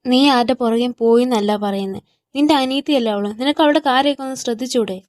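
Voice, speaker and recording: An exasperated, nagging mother with a Malayali accent, played by a woman, scolds her children in a fan audio drama. She speaks quickly in a high voice, recorded dry and close. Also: darkish tone, no echo, close to an everyday voice. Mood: scolding.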